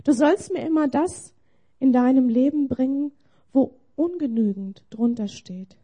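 A woman voicing a gentle, kind Jesus in a story she tells during a sermon, speaking softly and tenderly. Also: high-pitched, unhurried, husky, highs cut off.

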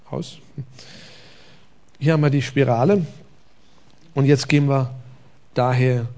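A pastor with a mid-range voice and vocal fry preaches a conversational sermon from a church stage. His delivery is lively and engaging, full of rhetorical questions.

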